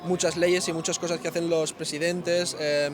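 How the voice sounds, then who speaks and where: A man answering a street interview, complaining in a halting way. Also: a little high, flat delivery, a crowd in the background. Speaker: passer-by interviewed. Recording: street noise and traffic.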